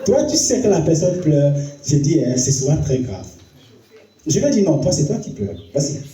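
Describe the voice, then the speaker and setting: A male pastor preaching a sermon in a story-telling manner. His voice is very dark and mellow, and his pitch is animated, falling hushed and rising high. He is heard from a distance, in an echoey church hall. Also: normal speed. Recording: roomy hall, voice from far off the mic.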